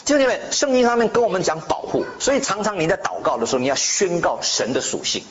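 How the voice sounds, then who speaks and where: A man's voice: high-pitched, sing-song, quick pace. A man pastor preaching a sermon, asking rhetorical questions and acting out bold declarations. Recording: dull lo-fi sound with faint noise.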